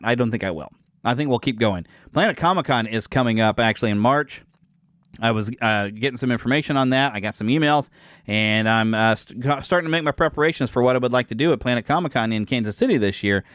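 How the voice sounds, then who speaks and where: A forty-something podcast host with a mid-range, slightly bright voice talks a little fast in a rambling solo chat, frequently correcting himself and making self-deprecating jokes. The recording is dry, with clean studio sound.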